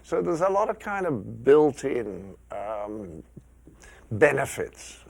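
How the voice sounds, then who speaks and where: A man's voice: mid-range voice, animated, takes it slowly, vocal fry, breathy edge. A man giving a press junket interview, amused and conversational. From England. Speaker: actor interviewed about a film.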